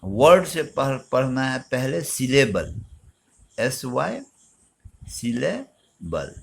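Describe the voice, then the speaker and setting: A male teacher with an Indian English accent, explaining grammar slowly and answering his own questions. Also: medium pitch, lively intonation, creaky, husky. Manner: slow, explanatory, asks questions and answers them himself. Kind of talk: recorded grammar lesson.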